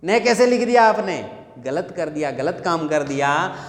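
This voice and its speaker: A man's voice: fairly high pitch, expressive, a little slow, slight background noise. A male teacher giving a lesson, drilling students with repeated questions and answers. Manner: repetitive call-and-response drilling. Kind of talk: classroom lesson. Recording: echoey long-reverb room.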